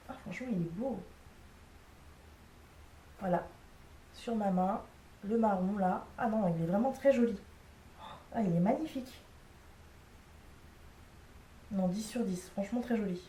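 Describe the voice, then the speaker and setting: A woman's voice: mid-range voice, moderate pace, long pauses, warm tone, recorded from a distance, slight background noise. A young woman casually reviewing makeup products, chatty and frank, with lots of fillers. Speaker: beauty vlogger. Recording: echoey room, a bit off-mic.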